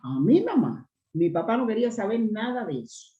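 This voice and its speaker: A woman's voice: a little high, fairly quick. Resonant Cuban woman telling stories. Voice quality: strong, resonant voice. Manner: animated storyteller, lively asides. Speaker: actress, interview guest. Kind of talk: storytelling in a conversational interview. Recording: roomy, slightly dull recording.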